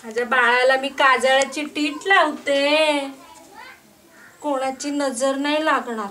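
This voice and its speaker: A woman playing a young mother crazed by grief, hushed and fragile as she lulls an empty cradle. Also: sits high, steady tone, takes it slowly, reverberant, distant mic, slight background noise, exaggerated voice.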